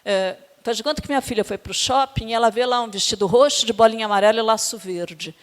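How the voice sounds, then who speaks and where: A middle-aged woman with a Brazilian Portuguese accent, giving a university lecture on education and telling personal anecdotes. She tells her stories in an animated way and acts out the quoted dialogue. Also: a little high, fast. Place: lecture hall. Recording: long hall reverb.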